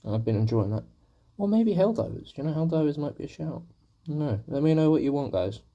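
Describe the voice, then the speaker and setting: With a slightly high, warm, expressive voice made gravelly and husky by a sore throat, a young man talks briskly to his stream viewers while painting. He rambles and jokes at his own expense, and the audio sounds dull.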